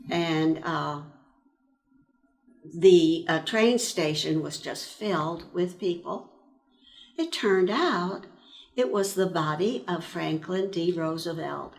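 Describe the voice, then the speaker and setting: In an oral-history interview, a woman in her nineties from eastern Pennsylvania, USA, reminisces about serving as an army nurse in World War II. She tells her story slowly and reflectively, pausing often between phrases, in a fairly low-pitched voice.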